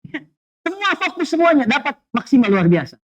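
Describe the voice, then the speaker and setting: A man preaching a lively sermon to a congregation, telling humorous stories, asking rhetorical questions, and weaving in Arabic phrases. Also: extremely high pitch, fairly quick. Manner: animated storytelling with jokes and rhetorical questions. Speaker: Islamic preacher. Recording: dull lo-fi sound.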